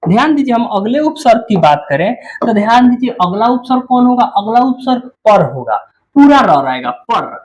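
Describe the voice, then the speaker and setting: Hindi grammar teacher asking and answering himself. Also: male voice, very high voice, big pitch swings, normal speed, hardly any pauses, a little mellow, muffled recording. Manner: asks questions and answers them himself, keeps calling the listener 'babu'. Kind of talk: classroom lecture.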